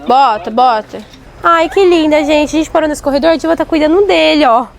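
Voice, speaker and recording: A woman filming a casual vlog on her phone in a supermarket aisle, talking excitedly with playful mock alarm. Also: high-pitched, a little fast, creaky. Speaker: mother filming a family outing. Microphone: handheld phone camera. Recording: noisy store ambience.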